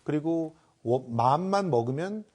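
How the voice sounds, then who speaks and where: Mellow-voiced male political commentator. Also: fairly high pitch, animated, measured pace. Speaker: panel commentator. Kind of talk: political analysis in a panel discussion.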